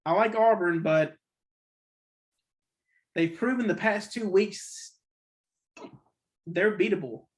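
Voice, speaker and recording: Speaking slowly with frequent pauses, a high-voiced man hosts a relaxed sports podcast while dealing with the hiccups. He's rambling and opinionated, and he corrects himself a lot.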